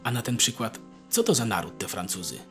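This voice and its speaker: A man's voice: on the low side, very animated, brisk, pushed and bright, faint music behind. A man voicing a simple, timid peasant soldier who asks naive, fearful questions in a rural dialect. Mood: naive, frightened. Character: simple, timid young peasant soldier, big and slow-witted.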